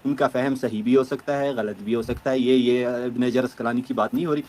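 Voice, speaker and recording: A man's voice: mid-range voice, steady tone, darkish tone. A man arguing his side in a heated religious debate, insistent and repeating himself as others talk over him. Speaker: caller defending his view.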